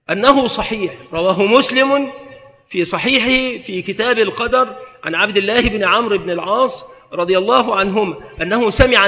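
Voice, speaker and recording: A man's voice: sits high, pushed and bright, in a large hall. A man giving a methodical classroom lesson on a religious text, spelling out word variants one by one. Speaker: religious teacher.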